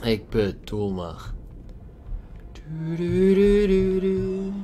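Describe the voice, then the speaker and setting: Swearing gamer man, higher voice. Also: sing-song, very slow, warm tone, slight background noise. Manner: swears a lot, exaggerated frustration. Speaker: gaming YouTuber. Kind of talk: casual gameplay commentary. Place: at a computer desk with a loud keyboard. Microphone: desk microphone.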